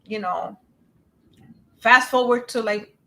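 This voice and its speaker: A woman hosting a podcast, telling a personal story in a casual, animated way and acting out the dialogue. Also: mid-range voice, slow, vocal fry, slight background noise. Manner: animated, acts out dialogue, laughs easily; addresses a live chat. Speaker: podcast host.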